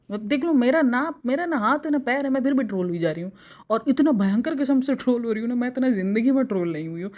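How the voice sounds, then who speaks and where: A woman's voice: fairly high pitch, darkish tone. A woman from Pakistan talking in a casual opinion vlog, arguing emphatically and answering her critics directly. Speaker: vlogger reviewing other vloggers.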